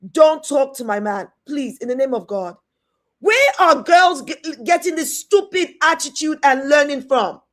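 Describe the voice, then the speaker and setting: A middle-aged woman with a British accent talks in a fairly high voice. She delivers a heated, indignant commentary rant. She scolds and repeats her points over and over for emphasis. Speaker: host.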